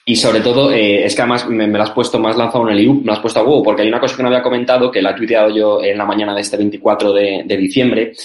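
A man giving his opinions in a rapid, chatty way on a talk show. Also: lowish voice, flat delivery. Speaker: political commentator. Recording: roomy echoey sound.

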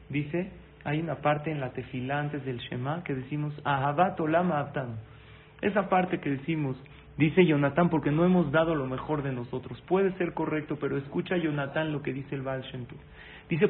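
A man giving a sermon-style lesson, asking listeners questions and speaking to them directly, with Hebrew terms woven into his speech. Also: on the high side. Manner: weaves Hebrew terms into Spanish. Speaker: religious teacher. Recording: tinny phone-like audio with faint noise.

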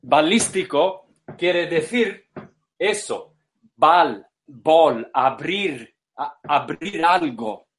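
Slow, halting man lecturing. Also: a little high, animated. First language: English. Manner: halting, repeats words, searches for Spanish words.

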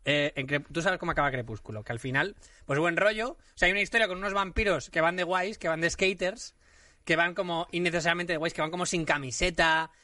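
A man from co-hosting a comedy podcast, talking animatedly and breaking into loud rants. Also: on the high side, fast talker, no echo, recorded from a distance. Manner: animated, rants and shouts when impersonating. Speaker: podcast co-host.

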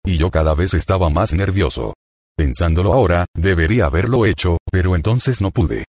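A man narrating a first-person book in a colloquial, swearing manner. His voice is very deep and somewhat husky, moving with lively intonation, in a dry, close recording. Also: a little fast, no echo. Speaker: audiobook reader.

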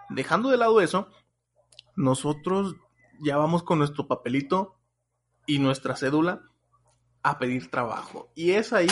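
Higher-voiced young Mexican man, casual host. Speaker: podcast host. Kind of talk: casual chatty podcast talk.

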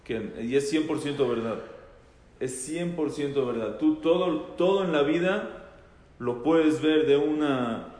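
A man, voice on the higher side, gives an informal religious class to a group. He repeats phrases for emphasis and often turns questions back to his listeners. The room is roomy, with reverb that trails long after each phrase. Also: a little slow, a little mellow. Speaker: rabbi teaching a class. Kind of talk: informal Torah talk to a group. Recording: echoey hall with long reverb.

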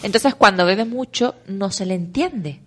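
A woman's voice: medium pitch, measured pace, fairly bright tone, breathy edge. Opinionated woman in casual podcast chat. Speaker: podcast co-host.

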